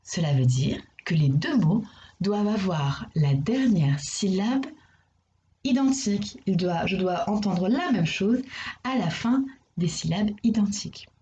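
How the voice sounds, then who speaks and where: A woman's voice: medium pitch, lively intonation, warm tone, dull audio. A woman with a French accent, a primary school teacher giving a video lesson to young children, speaking patiently and repeating words for emphasis. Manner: slow, patient, addresses the child directly.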